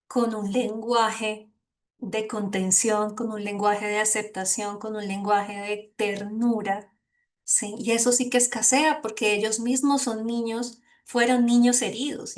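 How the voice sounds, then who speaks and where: A woman giving an online lecture as a course instructor, earnest and gently emphatic, often checking in with her listeners. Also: fairly high pitch.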